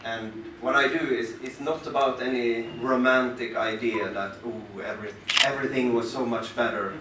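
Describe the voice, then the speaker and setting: A man from western Norway with a Norwegian accent, talking to a concert audience from the stage in a halting, thoughtful way with many pauses and restarts. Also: medium pitch, steady tone, heavy background noise. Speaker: musician introducing his work on stage. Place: concert club venue. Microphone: stage microphone through the house speakers, recorded from the audience. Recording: roomy venue sound recorded from far off.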